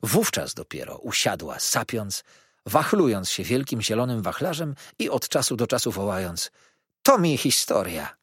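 A man's voice: on the low side, big pitch swings, moderate pace, slightly rough, no echo, clean studio sound. A man reading a novel aloud as an audiobook narrator, telling the story expressively. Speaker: audiobook reader. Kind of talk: scripted narration.

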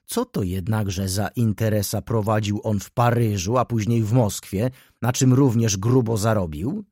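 A man's voice: on the low side, fairly even intonation, moderate pace, darkish tone, husky, no echo, studio quality. A man voicing an indignant older male councillor who fires off heated rhetorical questions, in an audiobook reading.

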